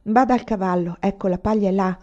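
An old widow speaks low and hushed, sometimes almost whispering, as a woman narrator puts her on. Her voice is mellow and dark. The audiobook sound is slightly dull and lo-fi. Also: fairly even intonation, quick pace, natural voice. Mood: impatient. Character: old widow, anxious grandmother, firm and hushed.

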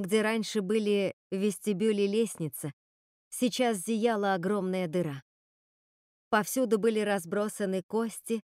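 A woman narrating a dark fairy tale audiobook in a steady, dramatic storytelling manner. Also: mid-range voice, no echo, studio quality.

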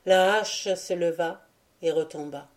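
A woman reading aloud a history book as a solemn, measured audiobook narration. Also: fairly low pitch. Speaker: audiobook reader.

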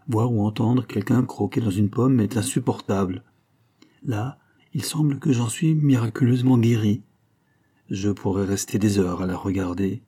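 A male audiobook narrator reading a first-person novel in a calm, measured way. His low voice is dark and mellow, with a husky edge.

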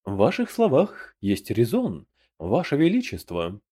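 Guy doing an icy snobby elf knight, polite but menacing, low dark tone. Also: wildly swooping pitch, a little slow, husky, exaggerated voice. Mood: coldly polite. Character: cold, arrogant high elf knight.

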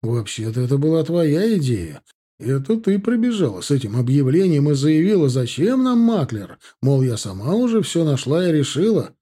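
A man's voice: on the high side, big pitch swings, normal speed, warm tone. A man voicing an exasperated grown son arguing with his mother, in an audiobook. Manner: irritated, pleading. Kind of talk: audiobook character voice.

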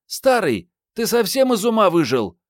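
A man's voice: high-pitched, very animated, normal speed, dry recording, clean studio sound, pitched above the performer's own voice. A man voicing a brash, sassy young woman in an audiobook, with mocking, coarse banter. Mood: teasing.

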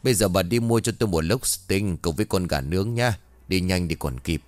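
A man voicing a calm, commanding exorcist master. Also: low-pitched, fairly quick, no room sound.

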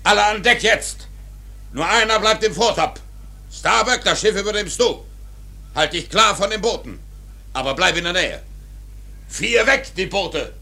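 An old whaling captain consumed by obsession, in theatrical radio drama style. The voice is husky and fairly high, swinging widely in pitch. He declaims like a commander, brooding and fierce. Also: lively intonation, unhurried, pauses often, pushed and bright, heavily acted. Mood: commanding, fierce. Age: older. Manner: declamatory, barking orders.

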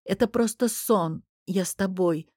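A woman voicing a tender, protective husband, speaking softly and a little lower than her own voice. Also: unhurried, dry recording, clean studio sound, natural voice. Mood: tender soothing. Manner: soft, lowered, cooing.

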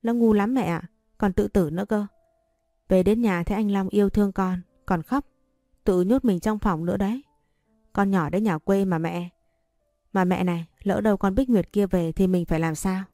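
A woman's voice: medium pitch, normal speed, warm tone, no room sound, studio quality, soft background music, lightly acted. A woman reading the lines of a young scheming impostor wife in an audiobook, sweet and sly.

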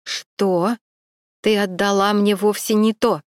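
A woman's voice: mid-range voice, steady tone, no room sound, studio quality, natural voice. A woman doing a hissing, whispering phone villain. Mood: menacing. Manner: slow, threatening whisper.

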